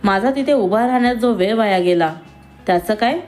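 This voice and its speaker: A woman's voice: mid-range voice, fairly quick, a little mellow, lightly acted. A woman voicing a stern young male office boss who scolds sharply and raises his voice, with faint music behind. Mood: irritated.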